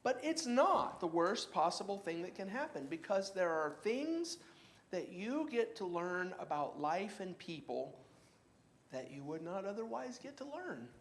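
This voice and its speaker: A man teaching a church Bible class in a casual, halting way, with many fillers and restarts. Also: high voice, sing-song.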